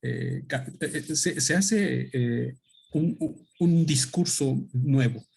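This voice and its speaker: At a book presentation, a Mexican man whose first language is Otomi (Hñähñu) explains things to an audience in Mexican-accented Spanish. His husky, slightly mellow voice sits at an ordinary middle pitch. He speaks thoughtfully and haltingly, pausing often to search for words.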